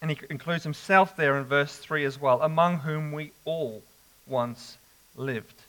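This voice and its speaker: A man preaching an expository sermon, slow and emphatic with dramatic pauses. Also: a little high, fairly bright tone, rough recording.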